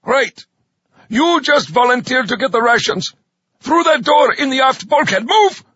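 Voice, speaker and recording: A man voicing a fat, gleefully cruel male drill sergeant with a rasping voice who barks and growls orders in a dull lo-fi recording. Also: very high-pitched, lively intonation, measured pace, bright, forceful tone, dry recording, pitched above the performer's own voice, heavily acted. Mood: barking.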